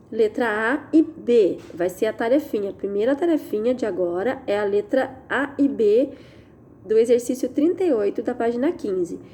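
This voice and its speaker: A Brazilian woman teacher walks through textbook exercises in a recorded lesson, her voice a touch high yet warm and mellow. She talks patiently, slows down on the sounds she wants to stress and keeps checking that students follow. A faint hiss of noise sits behind her. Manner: patient, checks understanding with tag questions. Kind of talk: recorded online Portuguese lesson.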